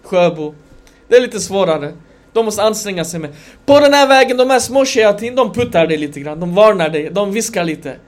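A man giving a conversational sermon to a gathering, animated, swinging between loud emphasis and quiet asides. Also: sits high. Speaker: religious lecturer.

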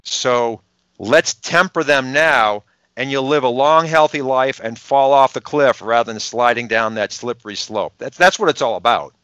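Bright, emphatic man with a Boston accent. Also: mid-range voice, clear, resonant tone, no echo. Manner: emphatic, rhetorical questions, quick asides. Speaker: podcast guest, health researcher. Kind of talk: explanatory interview talk.

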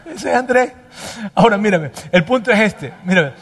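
A man preaching a sermon as pastor, emphatic and animated, dropping to a hush and then rising loud again. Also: sits high, normal speed, husky, long reverb tail.

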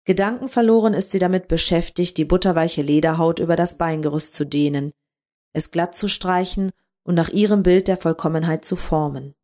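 A woman reading a dark short story aloud in a calm, measured narration. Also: lowish voice. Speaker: story reader.

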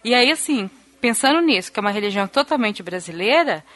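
A Brazilian woman co-hosting a podcast interview, reasoning an idea out aloud in a calm, reflective way. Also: a little high, fast. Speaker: podcast co-host. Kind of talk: casual conversational interview.

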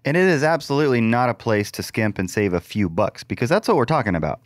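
A man's voice: mid-range voice, lively intonation, quick pace, no room sound. A man co-hosting a podcast, his voice rising and falling a lot as he jokes and banters. The recording is dry and close. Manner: jokey, upbeat banter. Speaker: podcast co-host. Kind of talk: casual podcast chat.

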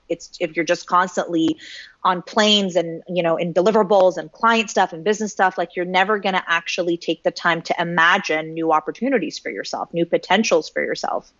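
A woman's voice: on the low side, dry recording, muffled recording. A woman from Canada giving an interview, talking casually and animatedly, with lots of "like". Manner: animated, uses "like" often. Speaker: guest.

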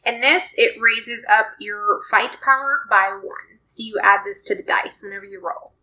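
A woman's voice: fairly high pitch, moderate pace, sharp tone, poor audio. A woman playing a tabletop story game with friends, reading the story cards aloud and explaining the rules.

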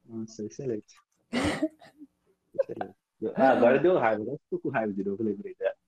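A young man, telling school stories on a podcast with animated swearing and sudden pitch leaps. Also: racing, husky. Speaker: podcast host. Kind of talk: casual storytelling chat. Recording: dull lo-fi audio.

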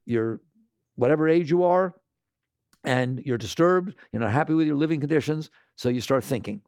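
A man giving an animated talk to an audience, scolding and asking rhetorical questions. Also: fairly high pitch, moderate pace, smooth, no room sound, studio quality.

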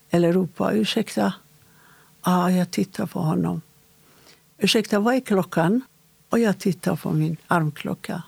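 A woman interviewee recounting a personal story in a halting, measured way, with short pauses. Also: fairly low pitch, gravelly, darkish tone, slightly rough, no room sound.

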